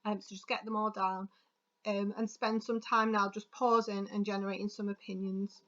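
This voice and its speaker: A woman teacher giving a casual lesson on writing opinion articles, talking quickly with frequent ums and self-corrections. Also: mid-range voice, level tone, a bit bright. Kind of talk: recorded classroom lesson. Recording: dull lo-fi sound.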